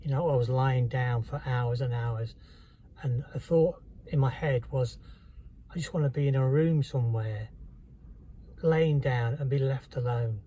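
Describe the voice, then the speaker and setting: A man telling a personal story to camera in a halting, candid, reflective way. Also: medium pitch, fairly even intonation, warm tone, slight background noise, low-quality recording. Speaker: vlogger.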